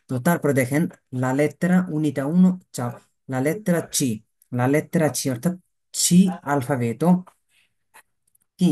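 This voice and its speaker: A man's voice: a little high, dark tone. A man teaching a beginner language lesson, asking rhetorical questions and answering them himself, spelling words out letter by letter.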